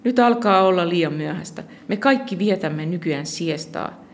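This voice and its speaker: In this audiobook scene, a brisk female nurse , voiced by the story's reader, speaks in a matter-of-fact, impatient way. The voice has a gravelly edge and a level, middling pitch. A faint hiss sits under it. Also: animated, lightly acted.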